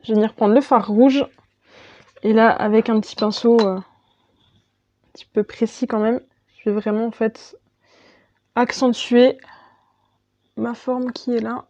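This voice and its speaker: A woman's voice: a little high, fairly even intonation, measured pace, long pauses, warm tone, dry recording, lo-fi sound. Chatty woman narrating her makeup. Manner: chatty, talks through each step. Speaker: beauty vlogger. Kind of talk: makeup tutorial voice-over.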